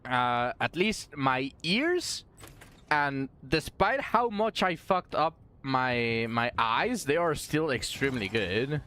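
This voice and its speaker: A man's voice: medium pitch, sing-song, slow, bright, forceful tone. A young man streaming and chatting casually with his viewers, laughing often and talking with food in his mouth. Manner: laughs often, talks while eating.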